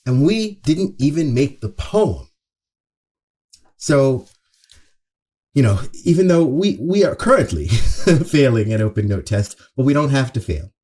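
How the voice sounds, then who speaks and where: A man delivering an opening monologue as host, speaking in an earnest, emphatic, conversational way with pauses and repetition for stress. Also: mid-range voice, sing-song, darkish tone, husky. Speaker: show host. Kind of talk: opening monologue, half-scripted social commentary.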